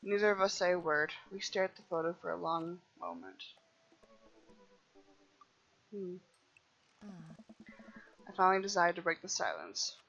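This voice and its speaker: A woman's voice: on the low side, animated, measured pace, creaky, long pauses, a bit bright, dull audio, slight background noise. A woman playing a dating game, reading the dialogue aloud playfully and laughing at her own jokes.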